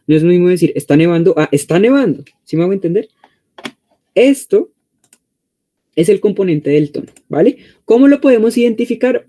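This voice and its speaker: Colombian male tutor, online class, dark mellow tone, chatty, keeps checking if students follow. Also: high-pitched. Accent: Colombian Spanish. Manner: conversational, frequent check-in questions. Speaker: teacher. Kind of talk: online exam-prep class.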